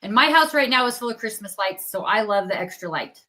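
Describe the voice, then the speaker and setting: A woman's voice: medium pitch, animated, brisk, sharp tone. A woman hosting a live craft sales stream, chatty and upbeat, giving away prizes and reading out winners. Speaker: livestream host for a craft company.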